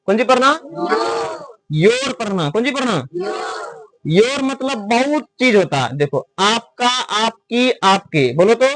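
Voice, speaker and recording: A man teaching a classroom lesson. He spells words out letter by letter, slowly, and keeps asking the class to repeat after him. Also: very high voice, very animated, fairly bright tone, no room sound. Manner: repeats and drills, asking the class to answer back.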